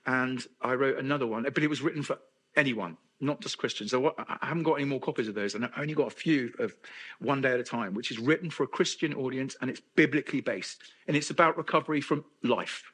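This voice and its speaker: A man's voice: medium pitch, quick pace, fairly bright tone, husky. A middle-aged man from England giving a candid personal testimony at a men's conference, with self-deprecating humor. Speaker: conference speaker.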